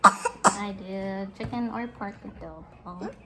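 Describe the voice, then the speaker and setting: Slow-talking woman chewing as she chats, noisy recording. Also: mid-range voice, bright, forceful tone. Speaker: vlogger and mother of a baby. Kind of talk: casual chat in an eating vlog.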